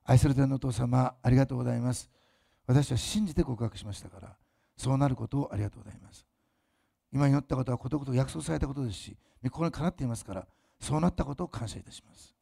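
A male pastor, preaching a fervent sermon that swells loud for emphasis and drops to soft asides for the congregation. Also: medium pitch, fast, creaky, breathy edge.

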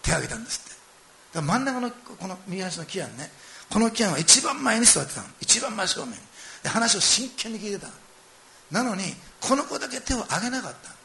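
Middle-aged man, sermon, gravelly and fast, animated storyteller who speaks directly to the congregation. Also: high voice, slight background noise. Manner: animated storytelling, acting out quoted lines and addressing listeners directly. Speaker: pastor.

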